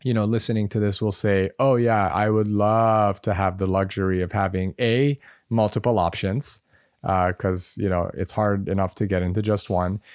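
Low-voiced American man giving practical advice. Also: steady tone, moderate pace, darkish tone, clean tone, dry recording, studio quality. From United States. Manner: conversational, many fillers, practical advice. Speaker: medical school admissions advisor. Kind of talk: podcast interview answers.

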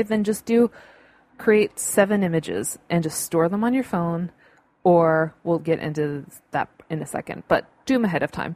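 Woman, slightly low pitch, upbeat informal advice, chatty podcast host, emphatic delivery, dry close sound. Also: darkish tone, no echo. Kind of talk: casual solo podcast advice talk. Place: home room with windows open.

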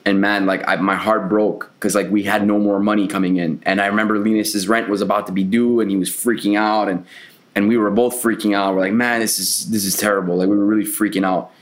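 Guy cohosting a podcast, kinda low voice, rambly and sweary, gets worked up telling his story. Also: level tone, fairly quick. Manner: rambling, profane, emotional retelling. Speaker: podcast co-host. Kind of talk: casual storytelling. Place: Montreal.

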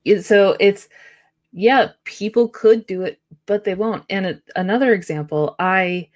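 A woman's voice: mid-range voice, measured pace, a little mellow. A woman hosting a podcast, talking in a conversational way and affirming her guest. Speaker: podcast host. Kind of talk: casual podcast interview.

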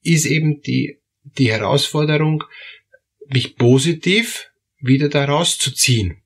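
A man's voice: on the high side, a little slow. A man giving a spoken self-help monologue, hesitant, with many fillers and repeated words.

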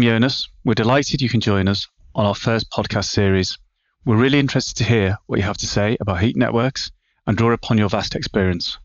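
A man's voice: lowish voice, dry recording, highs cut off. A man hosting a podcast, reading a polished scripted introduction and then putting questions to his guest. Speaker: podcast host.

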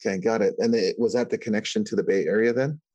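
A man hosting a podcast interview, asking questions in a relaxed, encouraging way. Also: fairly low pitch, fast, dry recording. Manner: relaxed, encouraging, many fillers. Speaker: podcast host.

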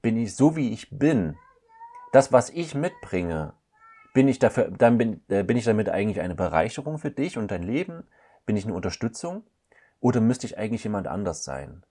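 A man's voice: on the low side, sing-song, normal speed, mellow, husky. A man speaking as a couples counselor guest, in a thoughtful, searching way with frequent hesitations. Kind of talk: reflective podcast conversation.

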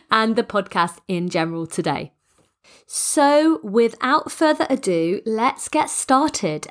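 A middle-aged woman hosting her own podcast as a business coach, sounding croaky and congested from a cold, talking in long, upbeat, motivational sentences. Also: on the high side. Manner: enthusiastic, motivational, speaks in long flowing sentences. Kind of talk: solo podcast monologue.

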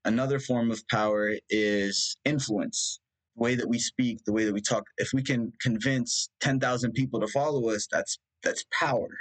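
With a medium-pitched voice, fairly even intonation and a moderate pace, a young man from India who grew up speaking Punjabi muses about his past as a guest. He rambles with fillers and restarts in this reflective personal conversation, heard through poor audio.

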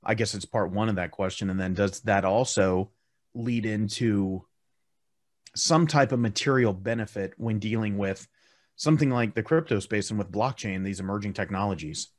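A man's voice: on the low side, normal speed, dry recording, clean studio sound. A man hosting an interview podcast, asking long, chatty questions that wander into tangents. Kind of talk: casual interview.

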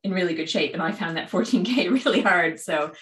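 Speaking a little fast in a lowish, fairly bright voice, this Halifax cycling shop owner chats casually on a podcast, telling self-deprecating stories in her Canadian accent. The room echoes, and there's slight background noise.

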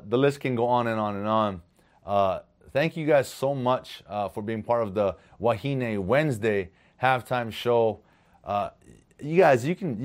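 A man hosting a local sports headlines show, talking in a relaxed way with lots of fillers. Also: medium pitch. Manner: easygoing, repeats himself with fillers. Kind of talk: casual sports talk.

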